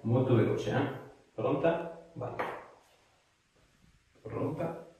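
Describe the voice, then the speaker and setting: An osteopath speaks very slowly in a medium-pitched, dark voice, offering a patient encouraging, reassuring directions in a relaxed way. The setting is a small indoor treatment room, captured on a distant mic with echo and faint noise.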